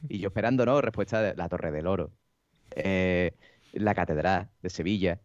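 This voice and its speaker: A man's voice: sits low, moderate pace, no room sound, dull audio. A man from Cádiz with an Andalusian accent, co-hosting a casual podcast chat and acting out dialogue in his stories. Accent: Andalusian Spanish. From Cádiz, Spain. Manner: animated storyteller, acts out dialogue. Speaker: podcast co-host.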